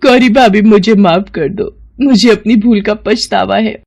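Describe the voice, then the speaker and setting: A woman voicing a nosy young sister-in-law in a cartoon story, with a high, excitable, whiny delivery. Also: a little slow, creaky, husky. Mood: pleading.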